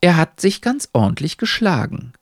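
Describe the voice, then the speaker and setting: A man's voice: a little high, sing-song, normal speed, no echo, clean studio sound, voice pushed up. A man voicing a pompous, lecturing old talking hat with a stilted, old-fashioned way of speaking. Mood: mocking.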